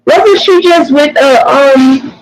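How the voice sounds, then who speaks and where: A man's voice: very high voice, slow pace, rough recording. A man talking bluntly in a casual group chat.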